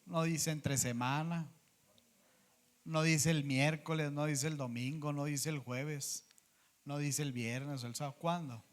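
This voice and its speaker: A man's voice: fairly high pitch, fairly even intonation, unhurried. A man preaching a sermon as pastor, earnest, often acting out what people said to him. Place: church sanctuary.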